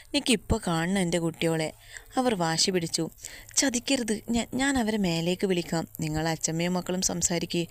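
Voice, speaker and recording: A woman's voice: on the low side, clear, resonant tone, no room sound. A woman narrating a romance story, reading the characters' lines in a slightly lifted voice.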